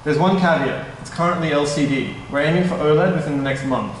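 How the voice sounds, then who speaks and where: A man's voice: a little high, a little fast, slight background noise. Young man presenting in an echoey hall. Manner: casual, slightly nervous, self-correcting. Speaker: tech startup presenter. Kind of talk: conference presentation. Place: meetup hall, indoors, large room. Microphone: stand mic at a distance. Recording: echoey hall, mic at a distance.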